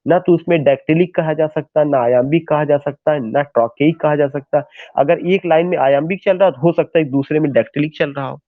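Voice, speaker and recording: A man's voice: fairly high pitch, brisk, no echo. A man teaching poetic metre as a lecturer, asking questions and answering them himself, with English terms mixed into his talk. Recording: dry, tinny phone-line sound.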